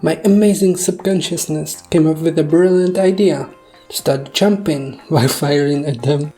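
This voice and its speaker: A woman's voice: low-pitched, moderate pace. A woman, a native Czech speaker, casually recounting a dream in a puzzled, self-deprecating, jokey way with rhetorical asides. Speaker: video storyteller. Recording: faint background music. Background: soft music.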